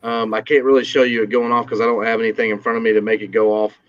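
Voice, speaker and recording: A man explaining paranormal equipment on a live stream, halting and full of fillers. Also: medium pitch, level tone, no echo, muffled recording. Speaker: paranormal investigator.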